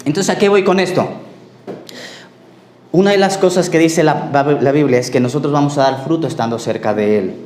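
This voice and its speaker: Pastor preaching in an echoey church. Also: male voice, a little high, moderate pace, faint music behind. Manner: storytelling, acts out dialogue, trails off quietly. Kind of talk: sermon with personal testimony.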